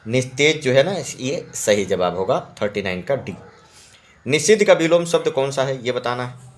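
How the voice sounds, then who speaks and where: This Hindi exam-prep teacher, a man with an ordinary mid-range voice, goes through a practice test one answer at a time. Animated and at a normal pace, he repeats every key word and keeps making sure listeners are keeping up.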